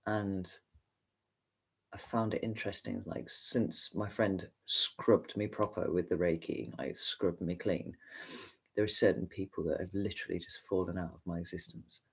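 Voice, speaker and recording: On his livestream, an Englishman with a neutral accent who reads tarot rambles candidly through viewers' questions, swearing casually now and then. His low, husky voice is creaky yet fairly bright, with fairly even intonation at a normal speed.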